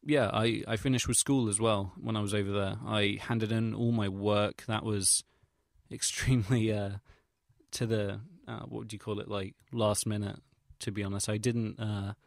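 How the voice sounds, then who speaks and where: This young adult vlogger from England speaks with an English accent in a fairly low, level voice with vocal fry, at normal speed. Recorded at studio quality with no echo, he recounts events in a casual, rambling log, hesitant, self-deprecating, slangy and sweary.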